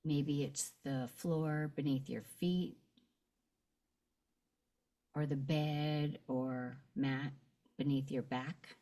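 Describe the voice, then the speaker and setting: A woman's low, mellow, steady-toned voice guides a meditation. Gentle and very slow, she offers short phrases with long pauses in between, taking the listener through a visualization.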